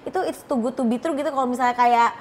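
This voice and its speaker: A woman's voice: on the high side, fast talker, slight background noise. A woman hosting a casual interview show, bubbly and chatty, mixing in English phrases. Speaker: host.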